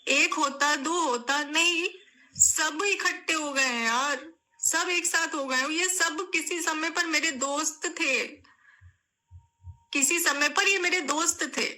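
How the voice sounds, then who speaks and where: A young woman makes a tearful, pleading statement to camera in her vlog. Her voice sits high and very bright, and she repeats phrases over and over as it breaks. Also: slow. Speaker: vlogger.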